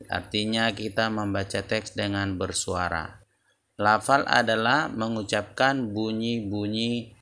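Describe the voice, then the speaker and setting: Man teaching kids, unhurried and gravelly, repeats points. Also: on the low side, sharp tone. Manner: slow, deliberate explaining with repetitions. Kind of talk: lesson video for children.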